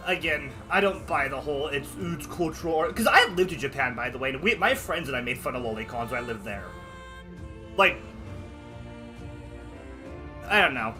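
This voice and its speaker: A man's voice: mid-range voice, lively intonation, a little fast, pushed and bright, soft background music. A man streaming and talking casually, ranting heatedly with lots of swearing and filler words. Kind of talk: casual chat during a game stream.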